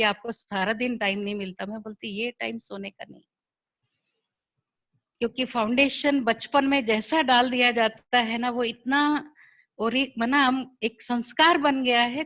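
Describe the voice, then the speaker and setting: Middle-aged woman, spiritual sister, animated testimony with acted-out quotes, slightly high and bright voice, video call. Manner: lively, acts out quoted dialogue. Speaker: spiritual sister sharing her experience. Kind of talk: personal testimony storytelling.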